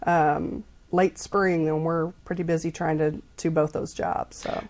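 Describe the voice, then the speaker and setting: A woman, a college athletic director, answering interview questions in a measured way with frequent ums. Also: deep voice, flat delivery, a little mellow. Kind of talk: interview guest.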